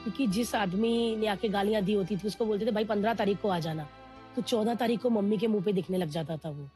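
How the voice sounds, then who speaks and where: A woman guest telling a candid, emotional personal story in a lively way, often acting out what others said to her. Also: medium pitch, fast, faint music behind. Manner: candid, animated, acts out quoted voices.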